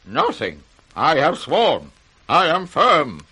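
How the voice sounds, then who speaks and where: Old king, British, wrathful, proud, forceful edge, slow declaiming, classical radio drama. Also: on the high side, wildly swooping pitch, slightly rough, heavily acted. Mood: cold, unyielding. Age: older. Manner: imperious, declamatory, deliberate. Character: aging wrathful proud king disowning his daughter.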